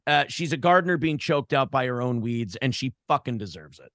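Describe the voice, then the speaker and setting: An American man, a morning show host and former radio broadcaster, speaks casually as an interview guest with a medium-pitched, expressive, brisk voice and a fairly bright tone. He's blunt, opinionated and profane, with polished radio-host delivery, captured in a dry, clean studio recording.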